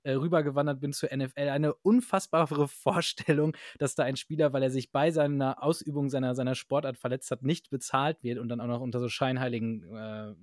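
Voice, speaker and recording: A man co-hosting a casual sports podcast, animated and openly incredulous about the league. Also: mid-range voice, fairly quick, few pauses, no echo, studio quality. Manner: animated, exclaims in disbelief. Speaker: podcast co-host. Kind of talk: casual chat.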